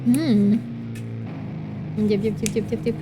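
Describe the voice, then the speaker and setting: A woman's voice: medium pitch, steady tone, slow, loud music behind the voice, low-quality recording. A woman streamer chatting casually while playing a game, often giggling and reading the game's text aloud. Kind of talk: casual game let's play commentary.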